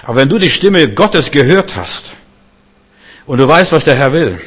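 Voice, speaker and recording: A man preaching a sermon, swinging between loud proclamations and quiet, conversational asides. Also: fairly high pitch, very animated, normal speed. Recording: long hall reverb.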